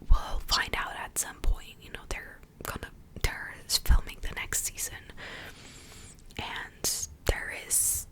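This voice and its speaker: A woman's voice: slow, bright, forceful tone. A woman whispers close to the microphone in casual, gossipy ASMR chat, as if sharing a secret, conversational and opinionated. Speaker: ASMR host.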